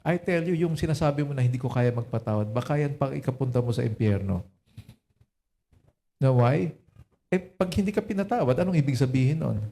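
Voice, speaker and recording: A man's voice: medium pitch, brisk, vocal fry, dark tone. A man preaching a sermon as a pastor at a church service, asking rhetorical questions and acting out quoted dialogue.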